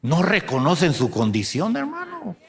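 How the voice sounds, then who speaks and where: Hombre predicador de voz aguda. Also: male voice, sits high, huge pitch swings, moderate pace, creaky, husky. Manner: preaching with rhetorical questions, swings from loud to hushed. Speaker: pastor. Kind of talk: sermon.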